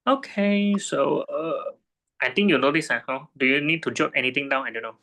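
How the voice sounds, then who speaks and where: A man's voice: on the high side, a little fast, gravelly, pushed and bright. A man tutoring a student one-on-one in physics, patiently checking her understanding with frequent tag questions.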